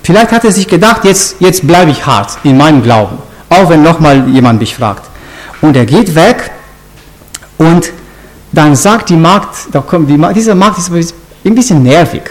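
A man with a high voice that swings widely as he preaches, teaching scripture in an informal way. He keeps turning to his listeners with questions and often breaks off to restart his sentences. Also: expressive, moderate pace.

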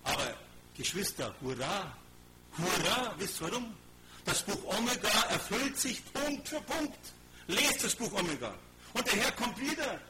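A man's voice: big pitch swings, moderate pace. Impassioned man preaching. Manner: impassioned, swings between loud outbursts and low asides, acts out dialogue. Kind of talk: informal sermon to a congregation. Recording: audible background hum.

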